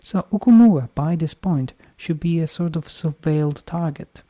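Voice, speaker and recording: Male game streamer, very soft dark tone, slightly high pitch, argumentative casual commentary. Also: moderate pace.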